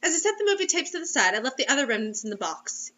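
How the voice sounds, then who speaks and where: Reading a story aloud as host, a woman uses a high voice with big pitch swings, speaking very fast in a sharp tone. Her delivery is playful, theatrical and mocking, a comedic dramatic reading broken up by casual comic asides, and the audio sounds dull.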